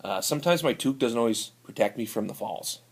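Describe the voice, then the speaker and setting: An animated man with a medium-pitched voice, vocal fry and a breathy edge improvises a sketch as a boozy, brawling Canadian hoser. In a Canadian accent he rambles and stumbles, closing lines with "eh."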